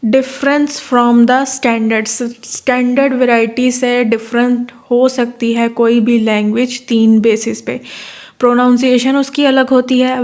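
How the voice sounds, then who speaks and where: A woman lecturer from Pakistan with a fairly high voice and a flat, even delivery. She reads definitions slowly and explains them patiently, often repeating phrases and checking that listeners follow. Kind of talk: university lecture.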